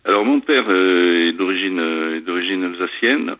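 Deep-voiced man on a tinny phone line. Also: expressive, normal speed. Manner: hesitant, trails off quietly at phrase ends. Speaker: museum founder, guest. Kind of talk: phone interview.

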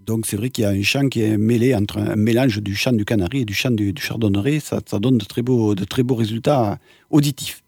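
A man presenting wildlife in an informal nature-documentary style, explaining didactically and pausing to reword as he goes. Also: fairly low pitch, darkish tone, slightly rough, no echo, clean studio sound. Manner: didactic, pausing to search for words and reformulate. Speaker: bird presenter giving a talk.

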